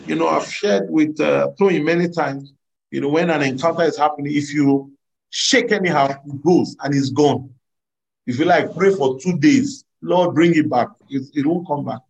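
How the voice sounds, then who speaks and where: A man preaching a sermon, animated, laughing and drawing answers from his congregation. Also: fairly high pitch, normal speed, creaky, husky, dull audio. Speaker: pastor.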